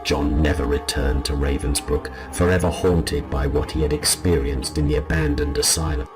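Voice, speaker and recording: A man narrating a scripted scary story as a storyteller, in a low, haunting and ominous delivery. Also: fairly even intonation, moderate pace. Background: music behind the voice.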